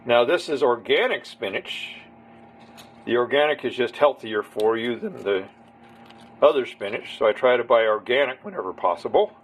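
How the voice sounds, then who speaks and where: A man's voice: mid-range voice, expressive, normal speed, slight background noise. A man casually talking viewers through a home recipe step by step, in a rambling, chatty way. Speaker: home cook. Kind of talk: casual cooking demonstration.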